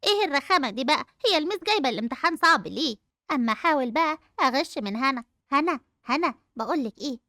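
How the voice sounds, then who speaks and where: Young female voice doing a spiteful jealous schoolgirl, Egyptian Arabic accent, sneering, fast, dry close sound. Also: high voice, expressive, pushed and bright, no room sound, voice pushed down, exaggerated voice. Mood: scheming. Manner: sneering, mocking. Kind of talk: dubbed animated game movie.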